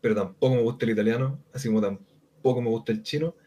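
A man's voice: mid-range voice, fast, mellow. A man with a Chilean accent co-hosting a casual chat, speaking bluntly and at length with lots of slang. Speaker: co-host.

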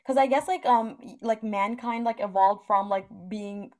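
A woman's voice: mid-range voice, normal speed, a little mellow. A young woman co-hosting a casual chat, talking colloquially with lots of filler "like". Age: young adult. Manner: colloquial, giggly, heavy use of "like".

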